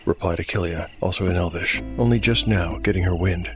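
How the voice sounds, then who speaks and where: Over a clean bed of music, a man with a deep voice tells the story of a fantasy audio drama as its host and game master. His narration is scripted and fairly quick.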